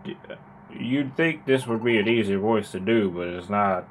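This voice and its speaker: A man's voice: fairly low pitch, moderate pace, slight background noise. A young man playing through a video game, reading the dialogue aloud and joking crudely between lines. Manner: casual, crude, joking, puts on voices for characters. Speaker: let's play gamer. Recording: game music playing behind.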